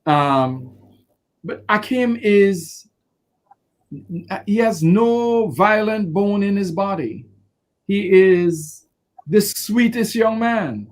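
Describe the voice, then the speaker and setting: Expressive high-voiced man. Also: drawn-out words, pauses often. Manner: expressive, acts out quotes with laughter. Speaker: defense lawyer. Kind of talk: animated interview answers.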